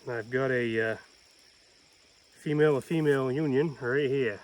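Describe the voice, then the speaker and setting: Working on a hands-on task at a woodland camp, the homestead vlogger, a ham radio hobbyist, explains what he's doing in a medium-pitched voice at normal speed. His casual talk mixes how-to narration with dry, teasing banter.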